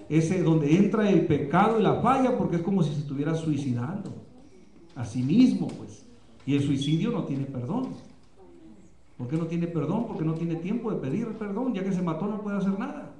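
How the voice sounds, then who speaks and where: A male pastor preaching a sermon with passion, often pausing on fillers. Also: sits high, dark tone, echoey room. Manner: impassioned preaching, many filler pauses. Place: church, live streamed.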